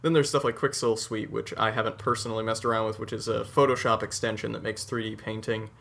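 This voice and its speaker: An eighteen-year-old man from the United States co-hosting a podcast, chatting in animated, opinionated run-on sentences. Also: fairly low pitch, fast talker, creaky. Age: teens. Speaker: podcast co-host. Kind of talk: casual chat.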